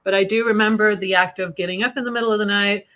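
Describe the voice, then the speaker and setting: A woman's voice: mid-range voice, fairly even intonation, quick pace, muffled recording. A woman in her forties from Iran, talking candidly and casually, swearing freely and laughing through hard memories. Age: 40s. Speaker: podcast host sharing her story.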